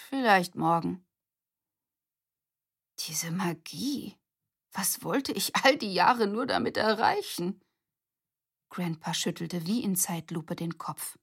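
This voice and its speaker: A woman narrating a children's audiobook in a lively, expressive way. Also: fairly low pitch.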